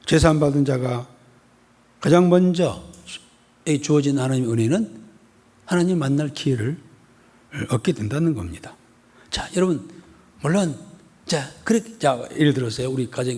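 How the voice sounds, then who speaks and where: A man's voice: mid-range voice, normal speed, long pauses. A male pastor from the area gives an expository sermon, asking the congregation questions again and again and acting out scenes. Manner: animated, rhetorical questions to the congregation, acts out a scolding mother. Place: church sanctuary. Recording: husky voice in a long-reverb church hall.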